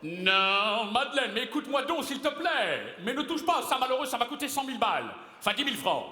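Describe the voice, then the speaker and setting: A man playing a boastful, pompous male playwright who declaims loudly and theatrically on stage. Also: big pitch swings, fairly quick, heavily acted. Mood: exasperated. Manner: booming theatrical declamation, swings from shrill to low mutter. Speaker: stage comedian. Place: live stage in a theater hall. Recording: echoey hall, loud crowd and noise.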